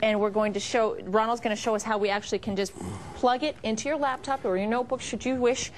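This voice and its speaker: Gushing female home shopping host, higher-pitched. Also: steady tone, quick pace. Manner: enthusiastic, gushing over features. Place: TV shopping studio. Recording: noticeable background noise.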